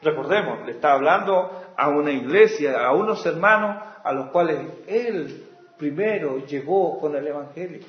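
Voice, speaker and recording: A male pastor preaching with passion, swinging from loud exclamations to hushed asides. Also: on the high side, expressive, moderate pace. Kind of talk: sermon. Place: church sanctuary. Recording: echoey, dull lo-fi church recording.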